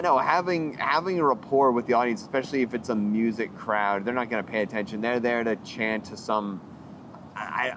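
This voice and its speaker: Wry young comedian with traffic behind. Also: male voice, mid-range voice. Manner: quick, wry banter. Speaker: comedian guest. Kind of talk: casual comedy chat.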